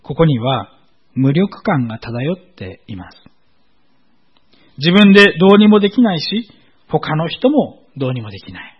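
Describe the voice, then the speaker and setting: A man preaching a sermon in a measured, explanatory way, often pausing on filler words. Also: fairly high pitch, slightly rough, dull audio. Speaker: pastor.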